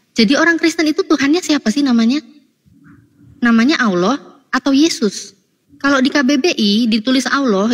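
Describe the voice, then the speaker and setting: A woman in a heated online debate, talking in an insistent, lecturing way and sounding exasperated, on a video call. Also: on the high side.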